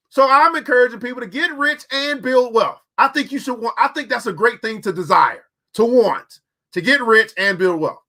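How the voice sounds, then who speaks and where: A podcast host in his forties delivers a preachy motivational talk about money, speaking straight to the audience and repeating phrases for emphasis. His voice is extremely high-pitched with a sharp tone.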